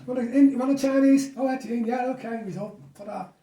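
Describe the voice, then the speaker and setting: Older Merseyside male guest, high voice, casual anecdotal chat, recorded off-mic in a reverberant room. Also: fairly even intonation, fast, dark tone. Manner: chatty, anecdotal. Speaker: guest, former football referee. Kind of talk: casual reminiscing interview. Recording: echoey room, distant mic.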